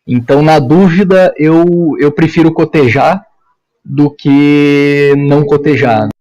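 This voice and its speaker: A man's voice: on the high side, steady tone, slow pace, dark tone, lo-fi sound. A man, a student speaking up in class, thinking aloud with some hesitation. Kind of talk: class discussion.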